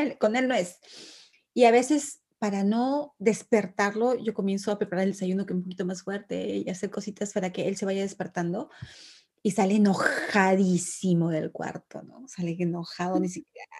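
A woman with a dark, slightly husky voice chats about parenting. She tells her stories with energy and acts out her kids' voices and lines along the way. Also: medium pitch. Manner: animated storyteller who acts out her children's lines. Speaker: mother sharing parenting stories. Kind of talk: casual chat.

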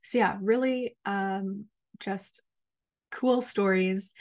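Slow-spoken woman hosting an interview. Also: medium pitch, steady tone. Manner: brief affirmations, slow-paced. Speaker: podcast host. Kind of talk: interviewer's backchannel.

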